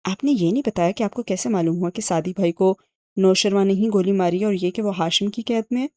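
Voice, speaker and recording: A woman reading an audiobook and voicing a cheeky teenage girl who answers quickly and defensively. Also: mid-range voice, darkish tone, no room sound, lightly acted.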